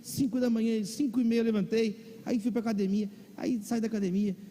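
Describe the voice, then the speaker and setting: In a large church or auditorium, where the sound echoes with long reverb, a Brazilian Portuguese-accented pastor preaches and shares a comic personal tale. He talks briskly in a high-pitched, dark-toned voice with fairly even intonation.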